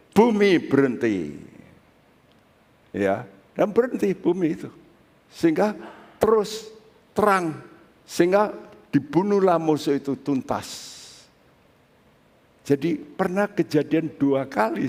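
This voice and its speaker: A man's voice: a little high, lively intonation, measured pace, long pauses, darkish tone, in a large hall. A man preaching a sermon as pastor, talking in a conversational way and speaking straight to his congregation. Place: church sanctuary.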